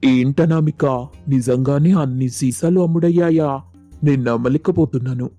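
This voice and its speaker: A man doing family men in a cartoon story, teasing plain delivery, mellow dark voice, soft music. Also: mid-range voice, moderate pace, close to an everyday voice. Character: practical middle-aged father-in-law and teasing husbands. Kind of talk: animated storybook voice acting.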